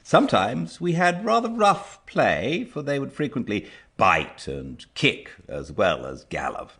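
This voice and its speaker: A man reading a storybook aloud as an audiobook narrator, measured and expressive. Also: mid-range voice, breathy edge.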